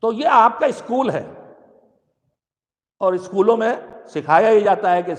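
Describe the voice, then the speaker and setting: A man's voice: high-pitched, expressive. A man, a cleric, delivering a religious address, exhorting his listeners with rhetorical questions and shifting emphasis. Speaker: cleric giving a majlis address. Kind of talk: sermon. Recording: long hall reverb.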